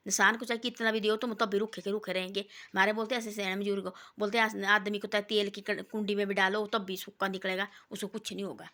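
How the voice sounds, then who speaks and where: A woman spins homespun moral tales in a loose, repetitive way, often circling back to the same point. She drops lower and softer when she quotes the people in her stories. Her voice is bright and forceful, with a steady mid pitch. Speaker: storyteller giving moral talks. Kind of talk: casual moralizing folk storytelling.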